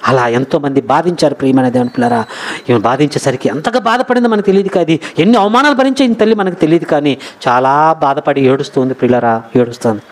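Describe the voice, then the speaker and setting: A man's voice: fairly high pitch, fast. A man preaching a sermon, emphatic and repetitive, addressing his listeners directly. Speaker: preacher, Bible college principal.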